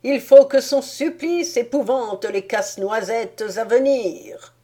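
A woman reading an audiobook voices a vengeful seven-mouthed male mouse king who shouts orders. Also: a little high, slow pace, breathy edge, pitched above the performer's own voice. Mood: furious.

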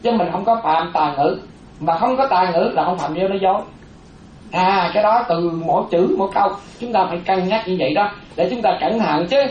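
A Buddhist monastic woman, giving a lively dharma talk and often asking the audience questions. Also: fairly low pitch, fairly quick, a little hiss or hum. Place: hall with a seated audience. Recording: roomy, dull sound with faint audience.

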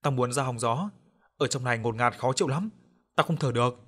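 A man's voice: mid-range voice, a little fast, fairly bright tone, slightly rough. A man voicing a young woman, a frightened and grieving mother who speaks in a tearful, pleading way. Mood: fearful.

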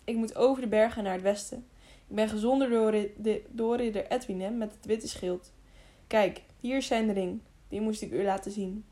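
An earnest young squire on a secret errand talks quietly and a little hesitantly, read by a woman narrating an audiobook. His voice is mellow and warm at a medium pitch. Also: fairly even intonation, normal speed, few pauses, natural voice. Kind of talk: audiobook reading.

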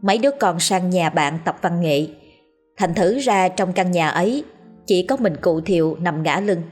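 Low-voiced woman reading a story. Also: soft background music. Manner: measured, expressive reading. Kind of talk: scripted narration of a ghost story.

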